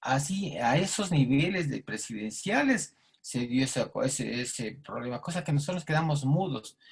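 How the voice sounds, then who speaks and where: Man, husky voice, storyteller who acts out the quotes. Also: mid-range voice, lively intonation, normal speed. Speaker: audience participant. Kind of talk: telling a personal story in an online panel.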